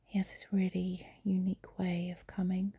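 A young adult woman whispering softly and confidingly into a phone while lying in bed. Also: fairly low pitch, monotone, no echo. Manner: soft breathy whisper, unhurried and confiding. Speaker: amateur audio creator. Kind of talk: whispered intimate audio diary. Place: in bed, lying on her side. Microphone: phone held close.

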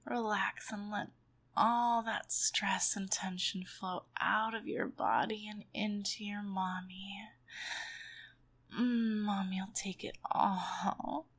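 A woman performing a whispered role-play in a sultry, doting, breathy voice. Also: medium pitch, steady tone, fairly bright tone. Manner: sultry, slow, doting narrator.

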